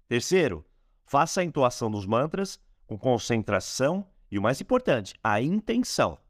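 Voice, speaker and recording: A man hosting a calm instructional talk on a spiritual technique, slowing down when he speaks mantras. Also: fairly high pitch, no room sound, clean studio sound. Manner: lively, rising and falling delivery, slowing on mantras. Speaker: host teaching a spiritual technique.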